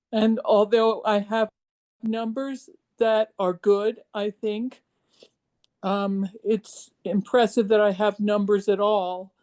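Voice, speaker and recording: A woman of seventy giving a personal testimonial, emotional and halting, with many ums and restarts. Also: mid-range voice, a little mellow. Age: 70s. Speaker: program participant.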